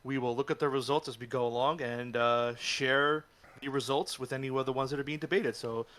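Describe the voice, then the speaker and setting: A man co-hosting a live stream in relaxed, casual chat. He runs through a list, reads out viewer poll numbers and drops playful jokes along the way. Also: mid-range voice, a little fast. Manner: jokey, moderates the list and reads chat poll results aloud. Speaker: podcast co-host.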